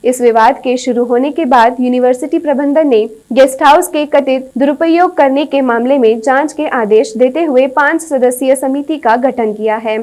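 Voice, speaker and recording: A woman news anchor reading a bulletin in an even, formal newsreading manner. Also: high-pitched, normal speed, few pauses.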